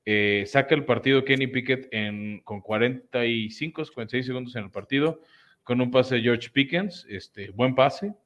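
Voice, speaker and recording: On a casual sports podcast he co-hosts, a man with a medium-pitched, slightly bright voice speaks at normal speed, dissecting games analytically and using many fillers. Muffled lo-fi audio captures him.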